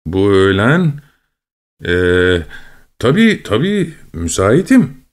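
A man's voice: lowish voice, huge pitch swings, voice pushed down, full character voice. A man voicing an absent-minded, hesitant male inventor answering the phone in an audiobook story. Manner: hesitant, halting, flustered.

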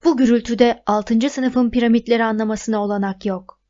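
A woman voicing a strict middle-aged teacher who scolds loudly, on a dull lo-fi recording. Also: on the high side, fairly even intonation, fairly quick, close to an everyday voice. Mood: scolding. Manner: loud, scolding.

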